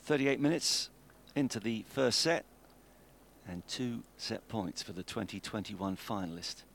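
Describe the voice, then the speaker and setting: A man commentates on live tennis in a low, gravelly voice. He is chatty and lively, and his pitch rises with the play. Steady noise sits behind him on the broadcast. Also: a little slow.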